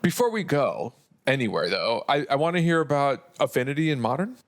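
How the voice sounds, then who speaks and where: A man's voice: mid-range voice, very animated, brisk. A man co-hosting and moderating a podcast, chatting casually with playful, teasing banter. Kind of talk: casual chat.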